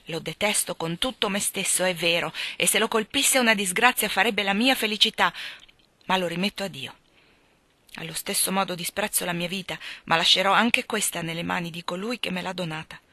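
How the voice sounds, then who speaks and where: A woman's voice: fairly low pitch, brisk, pushed and bright, no room sound. Woman reading a brooding bitter lord. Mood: bitter, grave. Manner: grave, tormented, bitter. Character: bitter brooding aristocratic man.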